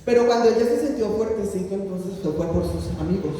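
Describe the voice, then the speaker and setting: A woman's voice: mid-range voice, brisk, noisy background. A woman guest pastor preaching a sermon and telling a personal testimony, acting out the voices of the people in her story. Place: church hall. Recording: echoey hall from far off.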